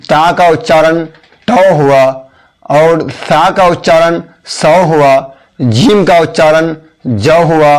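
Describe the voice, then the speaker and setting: A man's voice: on the high side, smooth. A man teaching the alphabet as a spoken lesson, patiently repeating each letter and its sound step by step. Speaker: Urdu teacher.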